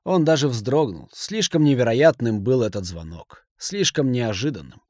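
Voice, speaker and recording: Expressive male audiobook narrator, dry sound. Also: medium pitch, moderate pace, no room sound. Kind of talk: scripted narration.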